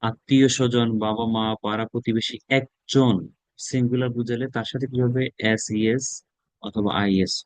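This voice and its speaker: A man's voice: medium pitch, fairly even intonation, moderate pace, no echo, rough recording. A man with a Bangladeshi accent teaching a spoken English class. He drills words aloud and repeats them. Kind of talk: classroom lesson.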